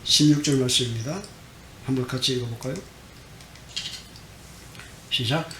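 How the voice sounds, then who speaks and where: A middle-aged male pastor giving a Sunday sermon, swinging between quiet and loud and asking the congregation questions. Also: lively intonation, normal speed. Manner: dramatic swings in loudness, acting out the prophet's complaints. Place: church sanctuary. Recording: echoey church hall with faint rumble.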